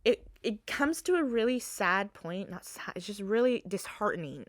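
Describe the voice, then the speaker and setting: A woman's voice: medium pitch, animated, normal speed, no echo, clean studio sound. A young woman hosting a casual solo podcast, talking animatedly, swearing freely and laughing as she goes. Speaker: podcast host.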